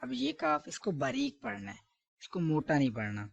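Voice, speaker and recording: Gravelly man correcting letter sounds. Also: high-pitched, wildly swooping pitch, dry recording. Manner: corrective, stretches each letter sound long. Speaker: teacher. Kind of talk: recitation lesson.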